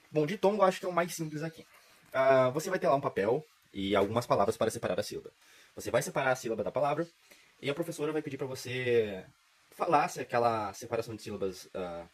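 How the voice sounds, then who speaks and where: Fast-talking husky teacher. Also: male voice, medium pitch, rough recording. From southern Brazil. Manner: informal, chatty, frequent "tá?" checks. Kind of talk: casual grammar lesson.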